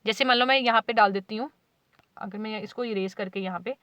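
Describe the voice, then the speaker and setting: A woman's voice: medium pitch, fairly quick, a bit bright, no echo. A woman teaching a class in a lesson video, explaining patiently, saying "ठीक है" again and again and sounding out example words. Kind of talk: whiteboard lecture in Hindi with English terms.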